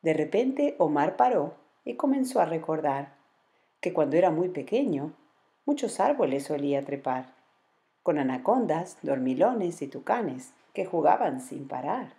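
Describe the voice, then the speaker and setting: A woman reads her own picture book aloud to young children in a gentle, sing-song storytelling manner. Her voice is low and warm, moving slowly with lively rises and falls. It sounds unhurried and soothing.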